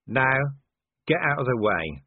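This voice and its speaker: A man's voice: medium pitch, big pitch swings, measured pace, gravelly, breathy edge, no echo, full character voice. A man voicing a dry, weary, tough male police commander in an audiobook reading, with a clipped sardonic delivery. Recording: tinny phone-like audio.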